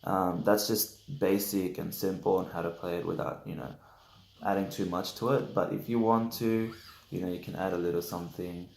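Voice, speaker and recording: A young man giving a casual guitar lesson, halting and full of fillers, correcting himself as he goes, sounding just woken up. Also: low-pitched, fairly even intonation, creaky, a little hiss or hum. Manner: hesitant, many fillers, self-correcting. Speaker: guitar teacher. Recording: roomy echo with loud guitar playing.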